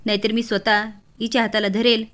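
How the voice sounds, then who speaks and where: A woman reads as an arrogant young man who talks down sharply and dismissively. The voice stays a little high, in a storybook family drama. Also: flat delivery, brisk, fairly bright tone, close to an everyday voice.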